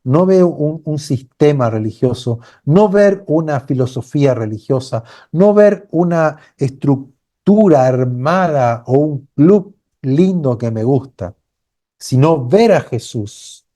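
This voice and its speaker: Guy preaching slow and earnest, dark mellow voice, gets fervent. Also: a little high, lively intonation. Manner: acts out quoted voices of a blind beggar crying out. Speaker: pastor. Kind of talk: sermon.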